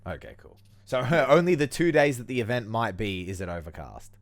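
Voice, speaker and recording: A man's voice: fairly low pitch, lively intonation, brisk. Jokey male podcast co-host. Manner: jokey, slangy. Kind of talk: casual banter.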